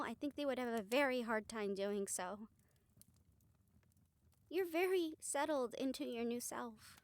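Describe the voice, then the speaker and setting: In an intimate audio roleplay, a woman plays a gentle, supportive rehabilitator comforting a friend. She speaks softly, earnestly, and somewhat hesitantly, with a reassuring manner. Her voice is high, with no room sound.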